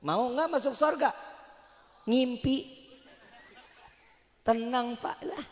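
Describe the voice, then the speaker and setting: A man's voice: very high voice, takes it slowly, some chatter behind. A man preaching at a wedding celebration, teasing the audience with slangy jokes in a humorous sermon. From West Java, Indonesia. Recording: hall-like reverb at a live event.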